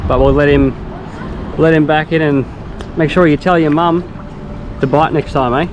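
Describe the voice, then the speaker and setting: A man's voice: a little high, fairly even intonation, moderate pace, highs cut off, noisy background. An Australian man chatting casually and encouragingly in laid-back slang as he hosts a family fishing vlog out on a boat. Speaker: host, father on a family fishing trip. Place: outdoors on a small boat.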